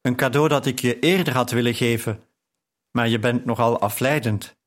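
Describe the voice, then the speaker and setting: A man's voice: medium pitch, normal speed, close to an everyday voice. A man reading a charming, teasing young husband. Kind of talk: audiobook character reading.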